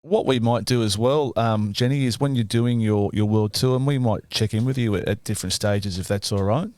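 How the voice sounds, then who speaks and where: A man hosting a podcast, asking easygoing, halting questions. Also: fairly low pitch, darkish tone, dry recording, clean studio sound. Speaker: podcast host. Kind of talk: casual interview chat.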